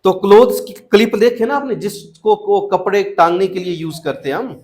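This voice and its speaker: A young man with a high-pitched, slightly mellow voice teaches children a math class at normal speed, mixing Hindi and English. In the classroom he coaxes the kids to answer with repeated questions.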